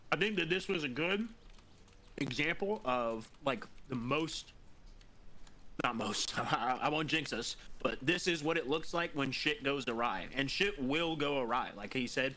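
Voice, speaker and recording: A man's voice: medium pitch, expressive, measured pace, bright, forceful tone. A man training medics in a game group over voice chat, rambling, swearing and correcting himself, tired and eating while he talks. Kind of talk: casual voice chat instruction.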